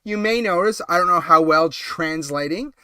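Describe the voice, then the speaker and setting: A man with a cold hosts a relaxed late-night live stream, his high, bright voice staying smooth and clear anyway. He rambles and chats at normal speed, full of ums and short laughs. The sound is dry and close with no room sound.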